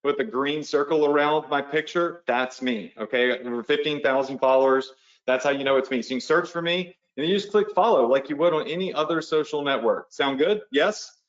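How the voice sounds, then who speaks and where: A man's voice: on the high side, a little fast, echoey room, lo-fi sound. A man hosting a live online training, casual and chatty, walking viewers through steps and checking in with them often. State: has the hiccups. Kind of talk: casual live webinar walkthrough.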